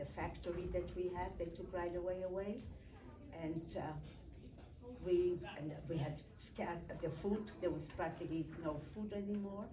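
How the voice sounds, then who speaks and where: A woman, slowly recounting her memories in an interview, often pausing and restarting as she searches for words. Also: on the low side. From Poland. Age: 80s. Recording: roomy, distant mic, noisy room.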